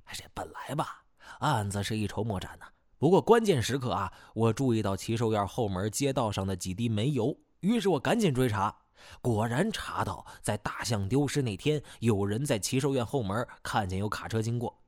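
Man voicing a fawning boastful detective, lively. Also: on the low side, moderate pace, dry recording, studio quality. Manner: flattering and self-promoting.

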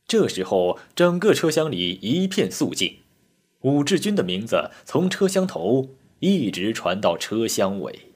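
A man's voice: medium pitch, measured pace, slightly rough. A man narrating a dramatic story and voicing its characters. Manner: expressive, voices the characters.

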